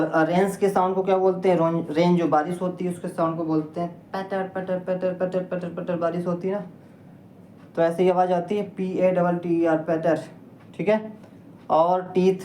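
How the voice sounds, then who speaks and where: Warm and somewhat low, this woman's voice carries a patient vocabulary lesson in English, where she spells each word letter by letter and tests her audience. Faint noise sits in an echoey space.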